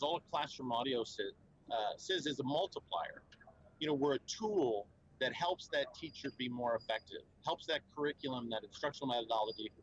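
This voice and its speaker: A man with a medium-pitched voice, captured on dull audio, speaks as a company spokesman at a trade show in a conversational explainer interview. He's earnest and fluent, but his speech has plenty of fillers and restarts.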